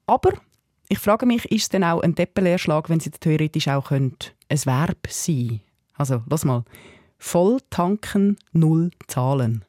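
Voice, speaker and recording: A Swiss German man co-hosting a relaxed chat in a jokey, teasing way. His voice sits a little higher than most men's, and the sound is close and dry. He lingers on his example words for comic effect. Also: dry recording. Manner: playful, jokey, drawn-out word examples. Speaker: co-host. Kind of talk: casual radio chat.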